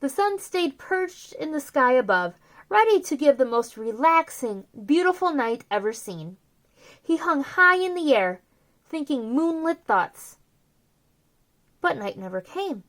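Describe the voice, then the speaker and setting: A woman reads a picture book aloud in a bright, highly animated voice, expressive and theatrical. As a children's storyteller and host, she stretches out key words for dramatic emphasis.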